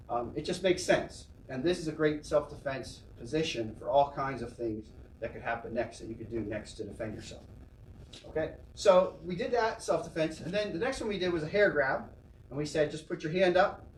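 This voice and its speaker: A man's voice: a little high, roomy sound, distant mic, slight background noise, rough recording. A man teaching a karate class, encouraging and explaining step by step with frequent check-ins. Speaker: karate instructor. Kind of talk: online class instruction.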